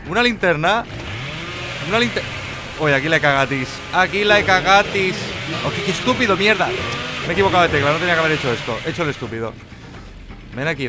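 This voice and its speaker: A gameplay streamer plays a horror game while giving live, mocking commentary, swinging between loud outbursts and low muttering.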